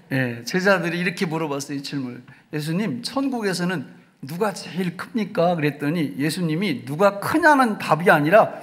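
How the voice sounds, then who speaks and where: A man's voice: high-pitched, fairly bright tone. A male pastor preaching a sermon emphatically, often putting questions to the congregation.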